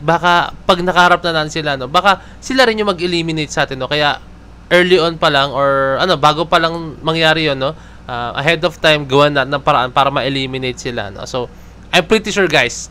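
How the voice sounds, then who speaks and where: A man's voice: a little high, sharp tone, smooth. A man with a Filipino accent hosting casual fan commentary, chatty and peppering his sentences with filler tags.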